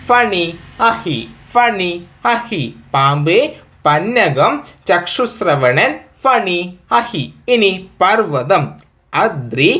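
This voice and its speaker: Male tutor, Malayali accent, higher-pitched, drills answers by slow repetition. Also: sharp tone. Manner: drills words by slow repetition, keeps asking "okay?". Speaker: exam coaching teacher. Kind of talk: exam prep lesson, repeating answers.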